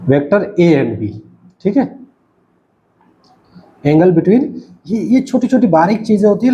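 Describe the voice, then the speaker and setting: A man's voice: sits high, warm tone. A man teaching a lecture at a writing board, explaining patiently and repeating himself with frequent checks that his students are following. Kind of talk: recorded lecture. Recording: dull lo-fi recording.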